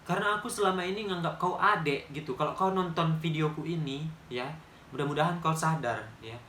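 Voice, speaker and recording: On the high side and a little fast, this young man's voice sounds pushed and bright. He's a Medan-accented vlogger in his twenties telling a casual, emphatic story to the camera, recorded with a roomy echo and slight background noise.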